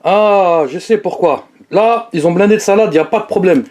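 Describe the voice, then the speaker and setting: A young man chatting casually to his viewers in a fast-food review vlog, slangy and playful. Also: sits high, darkish tone.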